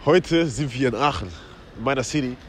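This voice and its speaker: A young man from western Germany hosting a street comedy interview outdoors on a shopping street, talking into a handheld mic in an energetic, rambling way full of slang and English phrases. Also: mid-range voice, a little fast, a little hiss or hum. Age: young adult. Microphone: handheld microphone.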